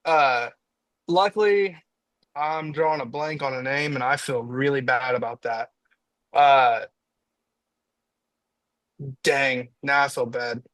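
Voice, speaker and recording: A man's voice: mid-range voice, slow, pauses often, fairly bright tone, no echo, low-quality recording. A young man from Indiana, a diesel truck racer on a podcast, telling a story in casual chat and acting out his own quotes.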